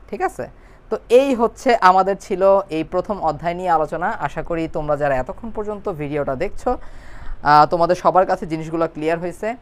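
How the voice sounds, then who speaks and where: A young man teaching an online biology class, breaking hard terms into slow syllables and often checking that students follow. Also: high voice.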